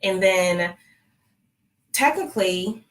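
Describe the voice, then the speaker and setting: A woman's voice: mid-range voice, expressive, slow, low-quality recording. A woman with a Texan accent, telling a personal story in a casual live-stream chat, laughing often as she talks. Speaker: fertility clinic staffer sharing her story.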